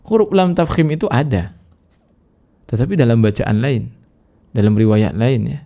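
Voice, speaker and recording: A man giving a recorded lesson on Quran recitation, now and then slowing down to chant example words in a drawn-out way. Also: mid-range voice, gravelly, highs cut off. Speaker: Islamic teacher.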